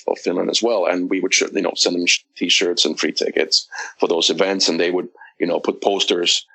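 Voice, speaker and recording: A man's voice: sits low, creaky, sharp tone, poor audio. A man, a guest on a casual podcast, recounting at length with many fillers and restarts. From United States. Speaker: guest, wrestling promoter.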